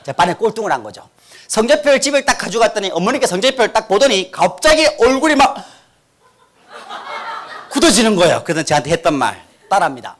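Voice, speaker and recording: Middle-aged man from North Gyeongsang, guest speaker; high, very expressive delivery, acts out voices, leads call-and-repeat. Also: fast talker, a little hiss or hum. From Korea, North Gyeongsang. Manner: animated, acts out quotes, leads crowd in repeating. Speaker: guest speaker giving testimony. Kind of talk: humorous church testimony. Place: church hall with audience. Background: audience laughter.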